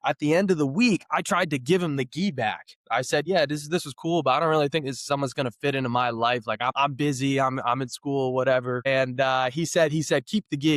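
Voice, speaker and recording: A thirty-year-old man from New England, a physical therapist telling his story as a guest, relaxed and full of fillers and restarts. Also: mid-range voice, dry recording, clean studio sound. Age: 30s. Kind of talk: casual interview talk.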